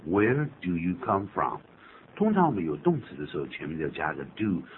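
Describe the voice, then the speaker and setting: A man with a lowish voice hosts a radio English lesson. His explanations rise and fall in a very animated way as he coaches a partner through phrases. The sound is thin and phone-like, with a faint hiss behind it. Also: normal speed. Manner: lively explaining, prompting partner to repeat phrases. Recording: narrow lo-fi radio broadcast sound.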